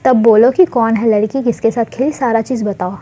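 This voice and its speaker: A woman's voice: on the high side, fairly even intonation, a little fast, warm tone, lightly acted. A woman voicing a teasing older sister who mocks her little brother in a spoken story.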